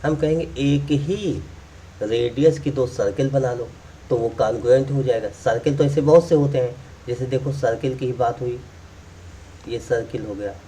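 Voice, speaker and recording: Recorded from a distance with a little hiss or hum, this math teacher's mid-range voice has a dark tone. He goes through the classroom explanation step by step, drawing as he talks and going back over key points.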